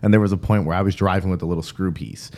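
Brash young man with a low voice. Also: racing. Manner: brash, profane, excitable storyteller. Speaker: podcast co-host. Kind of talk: casual storytelling chat.

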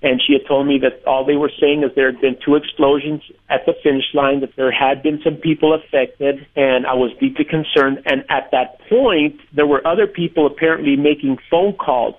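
A male pastor speaking over a tinny, phone-like line, his voice sitting a little high for a man. He recounts events in an earnest, measured way, as a guest in a radio interview. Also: fairly even intonation. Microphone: telephone.

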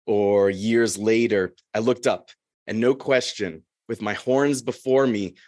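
A man voicing a lonely, brooding male minotaur in a slow, measured poetry reading. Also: lowish voice, no room sound, studio quality, voice pushed up, close to an everyday voice.

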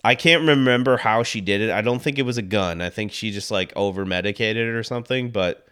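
A man on a podcast, telling a story in casual chat, rambling and swearing, with loud acted-out quotes. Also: lowish voice, brisk, clear, resonant tone. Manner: rambling, swearing, laughing, acts out quotes loudly. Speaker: podcast co-host. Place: Los Angeles.

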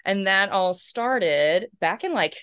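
A woman in her forties with a raspy smoker's voice, chatting informally and self-deprecatingly as an interview guest. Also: mid-range voice, expressive, takes it slowly, a bit bright, dry recording, studio quality. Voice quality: raspy, like a long-time smoker's rasp. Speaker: cabaret performer, interview guest. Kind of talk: casual conversational interview.

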